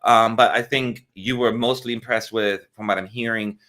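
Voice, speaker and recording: A man's voice: medium pitch, normal speed. A man co-hosting a live stream in casual chat, talking with many fillers. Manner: chatty, lively intonation, many fillers.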